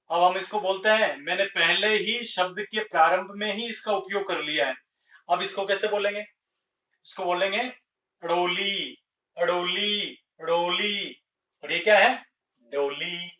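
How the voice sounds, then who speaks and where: A man teaching a grammar lesson at a board, speaking slowly and deliberately and repeating each example word. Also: sits high, fairly bright tone. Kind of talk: blackboard Hindi grammar lesson. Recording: echoey room, distant lo-fi mic.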